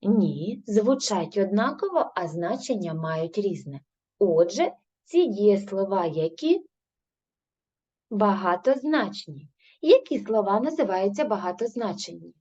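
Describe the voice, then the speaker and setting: Ukrainian woman, primary teacher, slow and patient, husky mellow voice, lively pitch, dull lo-fi recording. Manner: slow, patient questioning and answering herself. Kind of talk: recorded grade-three language lesson.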